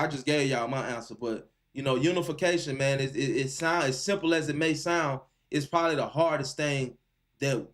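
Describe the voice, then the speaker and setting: On a live call-in stream, a male host with a fairly high pitch and fairly bright tone talks casually with a caller. His slangy, encouraging talk often repeats phrases for emphasis.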